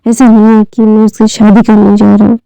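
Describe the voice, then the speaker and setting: A woman's voice: medium pitch, monotone, a little fast, creaky, warm tone, clear, resonant tone, no room sound, close to an everyday voice. A woman reading the lines of a playful, teasing young man who coaxes his jealous partner. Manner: teasing, coaxing. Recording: dull lo-fi dry recording.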